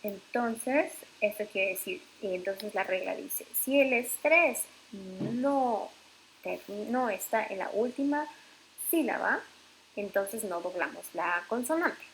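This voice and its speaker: A woman teaching English grammar in Spanish, explaining slowly and patiently, with frequent fillers and self-corrections. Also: medium pitch, expressive, a bit bright, a little hiss or hum, low-quality recording.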